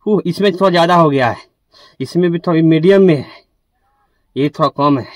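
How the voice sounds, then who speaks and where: Young truck driver guy vlogging on his phone out in the fields, high voice, chatty. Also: fairly quick, dry recording. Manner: chatty, addresses viewers directly. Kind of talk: casual vlog narration. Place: outdoors in farm fields beside his truck.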